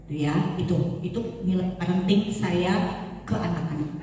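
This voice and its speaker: A woman giving a parenting seminar, talking in a lively, chatty way and teasing the audience. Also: fairly low pitch, a little slow. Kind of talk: seminar talk. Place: large seminar hall. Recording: echoey hall, far from mic.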